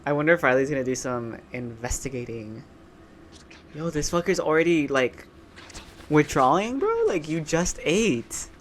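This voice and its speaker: A man talks like a sassy drag queen, casually reacting to a show with plenty of slang. There is faint noise behind his voice, with the show's audio playing low. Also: very animated, moderate pace. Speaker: reaction video host. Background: show audio playing quietly.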